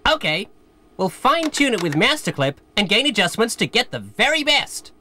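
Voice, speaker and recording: An actress playing an eager, cheeky young apprentice in scripted promotional dialogue. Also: female voice, medium pitch, sing-song, moderate pace, sharp tone, a little hiss or hum. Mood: chirpy. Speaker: apprentice character in a promo video.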